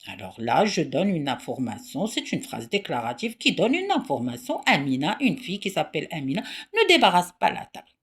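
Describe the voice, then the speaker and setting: A woman's voice: low voice, sing-song, brisk, hardly any pauses, slightly rough. A woman teaching a grammar lesson to children, patient, repeating key points and checking in often. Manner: raises her voice when reading questions aloud.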